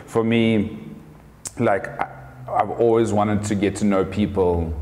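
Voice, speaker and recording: A South African man in his thirties, a business owner talking casually as an interview guest, relaxed and thoughtful, with many fillers and restarts. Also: lowish voice, unhurried, a little hiss or hum. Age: 30s. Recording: echoey room with long reverb.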